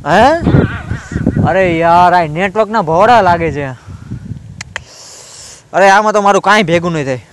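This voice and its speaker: A man's voice: high voice, moderate pace, pauses often, background noise, close to an everyday voice. A man acting as a brash, boastful young man on a Facebook date in a comedy sketch, recorded outdoors. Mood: impatient.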